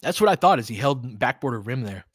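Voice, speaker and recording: Very animated and talking fast in a mid-range voice, a man hosts live basketball commentary as a partisan fan, firing off short clipped play calls and conversational tactical analysis. It's studio-quality audio with no echo.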